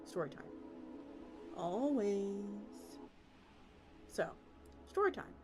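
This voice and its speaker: Over background music, a woman streaming as a VTuber gives an expressive story reading in a medium-pitched, darkish voice. Now and then she trips on a word and starts the line over.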